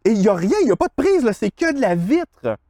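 A man retelling a film in an excited, breathless way. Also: high voice, quick pace, dry recording.

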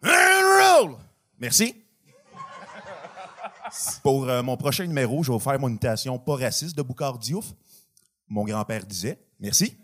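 A man doing stand-up on stage, delivering a rapid string of deadpan bits. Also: mid-range voice. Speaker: stand-up comedian. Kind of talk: stand-up one-liners. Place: comedy club stage.

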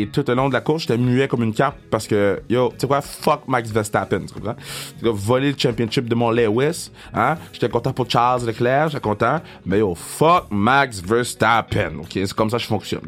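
A man in his thirties with a Québécois French accent, telling a casual, excitable story and swearing, with English words mixed in. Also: medium pitch. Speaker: vlogger.

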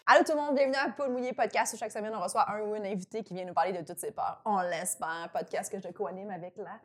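A woman with a Quebec French accent co-hosting a podcast in casual chat, animated and teasing, laughing often. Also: mid-range voice, fast talker, faint music behind. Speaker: podcast co-host.

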